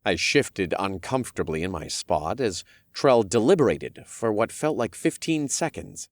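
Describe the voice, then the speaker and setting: A man's voice: on the low side, animated, measured pace, no room sound. A man narrating a fantasy audiobook in the first person, with wry storytelling.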